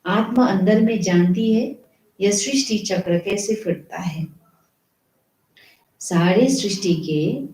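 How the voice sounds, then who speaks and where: A woman's voice: fairly low pitch, warm tone, reverberant, rough recording. A woman spiritual teacher reading and explaining a devotional discourse, preaching with rhetorical questions. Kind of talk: devotional murli reading with commentary.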